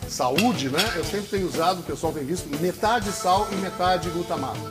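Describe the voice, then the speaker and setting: A man's voice: sits high, moderate pace, over music. A middle-aged man hosting a TV cooking show, chatting in a jokey, folksy way on a lapel mic. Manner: jokey, explains with folksy asides. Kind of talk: casual TV cooking chat. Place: rustic open-air kitchen set.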